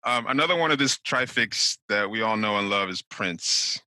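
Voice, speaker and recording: A man's voice: fairly low pitch, lively intonation, normal speed, bright, forceful tone, no room sound, poor audio. Podcast guy, jokes and swears, laughs a lot, super dry close sound. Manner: laughs often, swears, jokey. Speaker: podcast co-host. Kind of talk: casual podcast chat.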